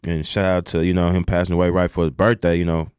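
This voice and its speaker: A young man speaks in a low voice, telling a personal story in a loose, colloquial way. He keeps checking in with "you know what I'm saying" and swears freely. The recording is close and dry, with no room sound. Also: level tone, fast talker, darkish tone, smooth, no echo. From Texas. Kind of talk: personal storytelling in casual conversation.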